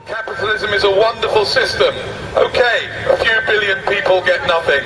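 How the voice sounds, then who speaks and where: A man's voice: high-pitched, fairly even intonation, normal speed, over loud music. A man speaking through a megaphone as a street activist, making ironic, mock-polite announcements. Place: busy city street outdoors. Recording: echoey megaphone voice from a distance, street noise.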